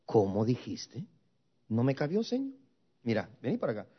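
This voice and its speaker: A man's voice: mid-range voice, huge pitch swings, normal speed, slightly rough, voice pushed down. A man playing a stern male schoolteacher who scolds a pupil. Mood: scolding. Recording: muffled lo-fi recording.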